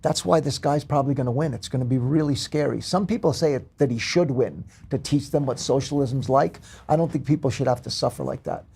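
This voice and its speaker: A man's voice: mid-range voice, brisk, creaky, hardly any pauses, mellow, husky. A man from Queens, New York, chatting casually on a talk show and telling stories in a conversational way. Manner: conversational, anecdotal storytelling.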